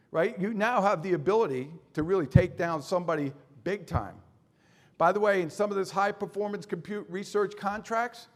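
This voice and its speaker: A middle-aged man presenting at a conference, animated and folksy, peppering his talk with rhetorical questions and jokey asides. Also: sits high. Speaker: conference speaker.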